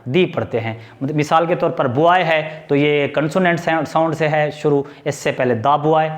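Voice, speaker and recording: A man with a slightly higher voice than most men teaches a grammar lesson on video. He keeps putting questions to the viewer and then answers them himself. He explains patiently and goes back over the key points. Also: normal speed. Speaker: English teacher.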